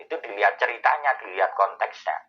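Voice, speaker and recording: A man, explaining answers to a host's questions in a thoughtful way, pausing often to find his words. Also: lowish voice, highs cut off. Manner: thoughtful, with many pauses and fillers. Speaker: Islamic scholar answering questions. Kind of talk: explanatory Q&A talk.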